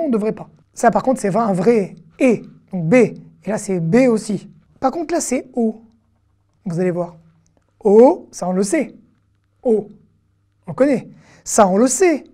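A woman teaching an online reading lesson, patiently repeating syllables slowly with casual fillers. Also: fairly high pitch, lively intonation, warm tone. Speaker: Hebrew teacher.

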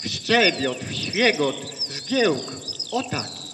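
A man's voice: a little high, wildly swooping pitch, takes it slowly. A man narrating the linking lines of a children's poem like a storyteller. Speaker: prison inmate narrating a poem. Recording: echoey space with background noise.

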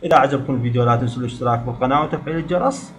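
Man, iraqi accent, teacher, quick delivery, echoey room, repeats key words. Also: medium pitch. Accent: Iraqi Arabic. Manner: explains step by step, repeating words for emphasis. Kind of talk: recorded grammar lesson.

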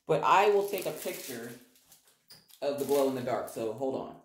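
A woman vlogger doing a chatty, excitable unboxing, recorded by phone in a small bathroom with the door closed, so her voice echoes. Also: extremely low pitch, normal speed. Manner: excitable, self-deprecating chatter. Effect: echoey bathroom sound. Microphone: phone camera. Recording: echoey bathroom, faint background noise.

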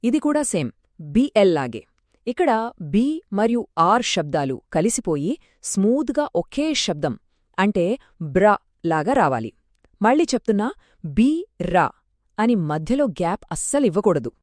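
Female co-teacher, encouraging and clear, lively intonation, dry close recording. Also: mid-range voice, unhurried, long pauses, no room sound. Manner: encouraging, stresses tips and common mistakes. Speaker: pronunciation co-teacher. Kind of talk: scripted explanatory lesson.

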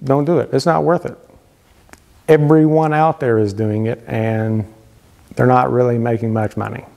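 Long workshop reverb colors this casual instructional talk, filmed indoors in a wood-paneled home workshop. The host, a man in his thirties, shares woodworking advice to camera in a mid-range, slightly mellow voice with vocal fry, fairly even intonation and moderate pace, gesturing often and using frequent fillers.

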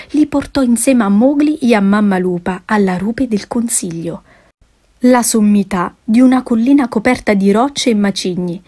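A woman narrating an audiobook of a classic adventure tale, reading in a measured, expressive way. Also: medium pitch.

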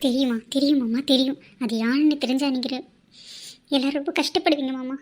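Woman voicing a cartoon sister-in-law, hesitant, apologetic, high voice, hissy recording. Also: fairly even intonation, a little fast, natural voice. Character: anxious young sister-in-law hiding a painful secret. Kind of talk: cartoon drama voice acting.

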